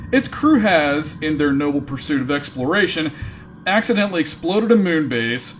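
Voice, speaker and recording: A man's voice: on the high side, slight background noise. A man giving wry, mock-grand scripted narration for a comedy audio drama. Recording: music behind the voice.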